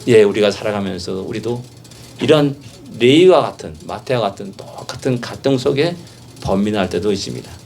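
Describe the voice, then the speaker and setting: Speaking at normal speed in a lowish, creaky voice, a male pastor delivers an emphatic sermon. He repeats phrases, poses rhetorical questions, and shifts from quiet moments to loud exhortation.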